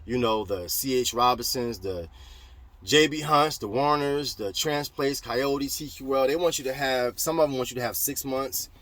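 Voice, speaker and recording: This middle-aged American man, a vlogger who owns a trucking business, talks casually to viewers from a parked truck cab. His voice is medium-pitched, a bit bright, and at normal speed, and his plain-spoken vlog style rambles as he repeats phrases while giving advice.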